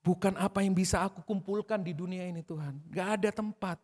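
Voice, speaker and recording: A male pastor, preaching a sermon in a conversational, animated way that builds into emphatic outbursts. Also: high-pitched, a little fast. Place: church service. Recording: long reverb of a church hall.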